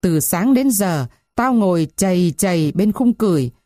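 Woman reading as a hot-tempered village wife, sharp-tongued and loud, in a dry, warm-toned storybook reading. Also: lowish voice, animated, a little slow, no room sound. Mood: wailing. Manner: scolding, wailing at full voice. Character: fiery peasant wife, shrill when angry.

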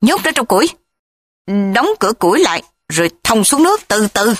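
A woman voicing a violent, raving young male lordling who shouts threats. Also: mid-range voice, big pitch swings, moderate pace, no room sound, studio quality. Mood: cold, commanding.

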